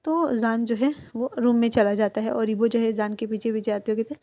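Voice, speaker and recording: A woman's voice: on the high side, fairly even intonation, brisk, warm tone, no echo. A woman narrating a romance story in a chatty, casual retelling. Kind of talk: casual fan-fiction narration.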